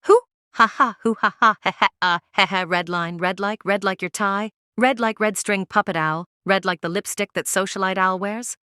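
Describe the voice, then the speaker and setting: In an audio play, a woman voices a defiant female bird, a disillusioned former propagandist, taunting and mocking in a declamatory style. Her medium-pitched voice is bright, forceful, clear and resonant, close to an everyday voice, at normal speed. The recording is dry and clean like a studio, with music behind her.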